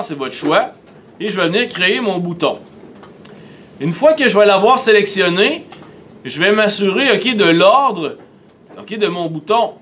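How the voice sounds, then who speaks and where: A man with a Québécois accent, teaching a software tutorial and talking methodically through each step on screen. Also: high voice.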